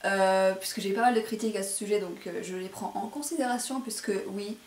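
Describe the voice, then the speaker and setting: A woman presents a casual, chatty hair tutorial to camera in an indoor room at home, speaking somewhat carefully and self-consciously. Her mid-range voice moves fairly quickly, and the recording has a roomy echo with faint background noise.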